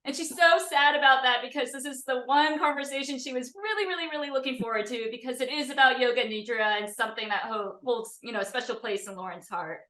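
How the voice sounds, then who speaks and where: Woman host on a video call, bright higher voice, roomy echo, chatty filler-heavy delivery. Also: fast talker, hardly any pauses. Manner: chatty, lots of fillers, warm thanks. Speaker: community host. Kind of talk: casual video call hosting.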